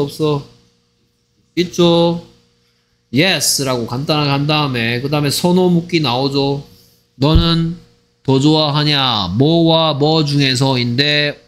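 A man teaching an English lesson for a school exam. He speaks Korean with a Korean accent, draws out English phrases slowly and keeps asking whether the class has followed. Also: on the high side, a bit bright. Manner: repeats "됐습니까?" to check understanding; slow, drawn-out delivery of English phrases.

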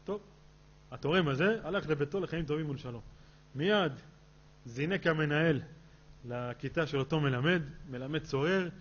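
Rabbi telling a lively story, slightly high voice. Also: male voice, long pauses. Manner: lively storyteller who acts out the dialogue of his characters. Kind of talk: sermon storytelling. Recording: dull lo-fi recording with faint hum.

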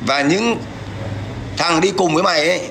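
Gravelly man ranting. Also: on the high side, normal speed, background noise. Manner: aggressive, taunting, coarse. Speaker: livestreamer. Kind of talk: livestream rant.

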